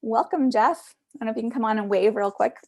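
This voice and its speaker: Gravelly-voiced woman hosting over a video call. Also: on the high side, fast talker, a little mellow. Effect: heard over a video call. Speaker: event host. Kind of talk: hosting a pitch event.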